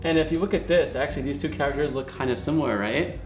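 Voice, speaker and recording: Soft music plays behind a man giving an encouraging, upbeat beginner Mandarin lesson at a whiteboard. With a voice on the high side, he keeps asking "okay?" and repeats words slowly for his learners.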